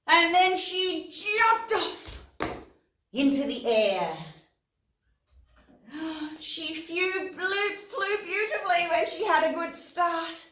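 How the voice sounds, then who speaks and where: A very high-voiced Australian woman reads storytime for young children very slowly, leaving long pauses. Her reading is expressive, and she asks listeners questions and explains words simply. Guitar music sounds in a roomy echo, recorded from a distant mic.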